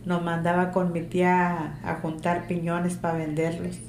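A middle-aged woman telling her grown child about her childhood in a casual family interview, with a strong voice and a lively way of acting out remembered conversations. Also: on the low side, a little slow, creaky, crowd noise. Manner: animated, strong voice, acts out remembered dialogue. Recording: echoey room with faint ambient noise.

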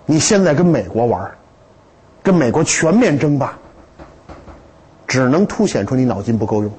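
A man lecturing to students in a lively, humorous way, with stories and rhetorical questions. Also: medium pitch, normal speed, slightly rough, poor audio.

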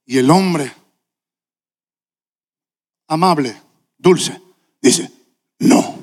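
A man preaching a sermon with passion, his delivery building up to shouting. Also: high voice, moderate pace.

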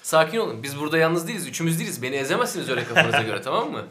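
A man's voice: on the high side, very animated, rapid-fire, a bit bright, echoey room, a little hiss or hum. A man hosting a casual podcast, arguing his case in a mock-indignant way with his friends. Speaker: podcast host.

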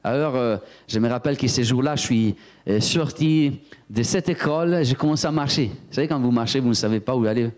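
Animated preacher man. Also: mid-range voice, a little fast. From Italy. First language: Italian. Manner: animated storyteller, acts out voices, talks to the congregation. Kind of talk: sermon with personal testimony.

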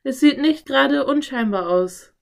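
Woman reading storybook girl, eager and excitable, high, loud calls. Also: a little slow, vocal fry, full character voice. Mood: excited. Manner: bright, pleading, excited calls.

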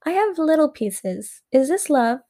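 A woman voicing an excited young boy in a read-aloud story, with high, shrieking protests. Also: a little slow, heavily acted. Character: excited young boy who loves power sticks.

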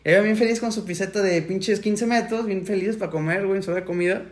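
A man's voice: sits high, fast, slight background noise. A man with a Mexican accent co-hosting a podcast, chatting casually in slang and swearing often. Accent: Mexican Spanish. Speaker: podcast co-host. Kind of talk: casual chat.

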